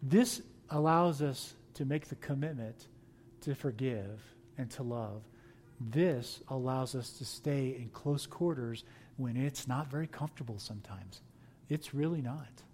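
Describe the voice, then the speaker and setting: A man's voice: mid-range voice, measured pace, a little mellow, a little hiss or hum. A middle-aged man, a pastor and seminary teacher, telling personal stories in an easygoing, anecdotal way during an interview. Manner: folksy anecdotal storytelling with laughs. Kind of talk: storytelling interview answer.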